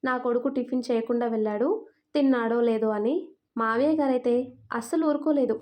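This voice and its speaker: A cheerful, teasing young wife in an audio storybook, voiced by a woman. She speaks politely but playfully, in a high, lively voice. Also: a little fast, lightly acted. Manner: bright, playful, polite address.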